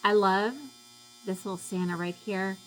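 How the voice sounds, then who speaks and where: A woman's voice: mid-range voice, little pitch movement, measured pace, slight background noise, poor audio. Gushing woman in a casual craft vlog. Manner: gushing, appreciative. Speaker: craft vlogger. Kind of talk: casual show-and-tell vlog.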